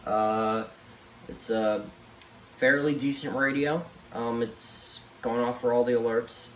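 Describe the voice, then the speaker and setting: Surrounded by many radios in a room at home, a collector presents a home video tour, giving an unscripted show-and-tell in a steady, medium-pitched voice. He speaks haltingly and lets his thoughts trail off, while a weather radio broadcast plays amid clear background noise and roomy ambience.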